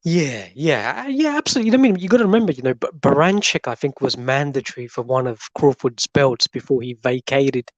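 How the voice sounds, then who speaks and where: A man's voice: medium pitch, expressive, a little fast, few pauses, dry recording, dull audio. Man, boxing podcast co-host, sarcastic and emphatic, dry recording. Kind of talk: casual boxing chat.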